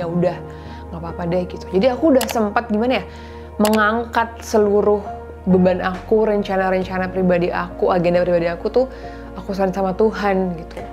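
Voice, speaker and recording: A woman in her thirties with a mellow, medium-pitched voice vlogs about faith and marriage, offering advice to viewers earnestly and confidingly. Her talk is casual and heartfelt, sprinkled with English words.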